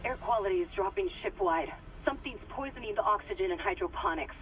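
A woman's voice: medium pitch, fast, lo-fi sound, lightly acted. A woman playing a tense, decisive crew officer giving guidance in a video game. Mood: tense, urgent. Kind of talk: dramatic video game acting. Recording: noisy in-game radio call.

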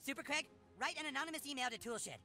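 A man playing a bossy, foul-mouthed, self-important boy leading a superhero gang in an animated comedy game. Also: extremely high pitch, racing, soft background music, full character voice. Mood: commanding.

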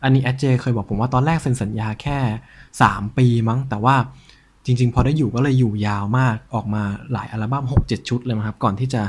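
A man hosting a collector's show in a casual, informal show-and-tell style, with a slightly husky voice. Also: mid-range voice, quick pace. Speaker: host of a cassette collection show.

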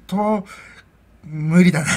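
A woman's voice: on the low side, very slow, darkish tone. A middle-aged woman hosting a casual solo podcast chat, rambling and chatty and laughing often, into her own microphone. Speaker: podcast host.

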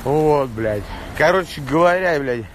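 High-pitched man, rough street-thug talk. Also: animated, measured pace. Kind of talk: casual livestream chat while walking. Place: outdoors on a city street. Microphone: phone at arm's length. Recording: noisy outdoor street, traffic.

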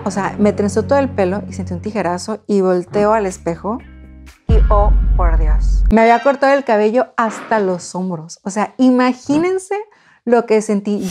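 A woman, telling a personal story to her viewers in a chatty, expressive way. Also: fairly high pitch. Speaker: vlogger. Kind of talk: casual storytelling.

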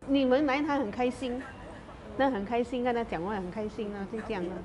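A woman's voice: on the high side, a little fast, a little mellow, poor audio. Chatty older woman, laughs between phrases. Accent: Singaporean Mandarin. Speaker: patient's wife. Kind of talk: interview remarks.

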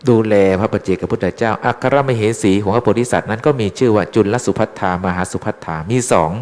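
A Buddhist monk giving an informal, chatty dharma talk, teasing his listeners with questions. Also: on the low side. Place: temple hall. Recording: long hall reverb.

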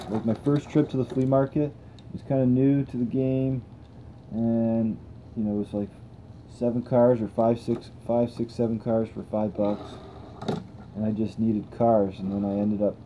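A man's voice: fairly low pitch, muffled recording, noisy background. A young man hosting a toy car channel, chatting casually and thinking aloud as he tests cars on a table indoors. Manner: relaxed, rambling, thinks aloud while testing cars.

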